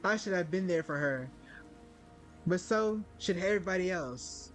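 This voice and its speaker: Guy reading out a furious grieving young woman in a story game, fairly high voice, quick. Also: lively intonation, a bit bright, faint music behind. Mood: upset. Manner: reads her dialogue aloud fast and plainly. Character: angry grieving young woman confronting a town.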